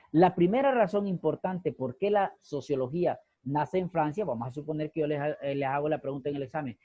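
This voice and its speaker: A man's voice: fairly high pitch, mellow, dry recording, highs cut off. A man teaching a sociology class over a video call, asking rhetorical questions and repeating key phrases. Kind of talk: online class lecture.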